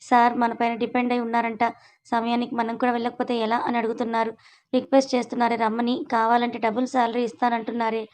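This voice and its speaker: A cheerful young woman from a storybook chats and teases her friend in a breezy, easy way, read by a woman narrator. Her voice sits a little high and runs fast. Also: completely flat delivery, darkish tone, natural voice. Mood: coaxing. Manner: teasing, breezy.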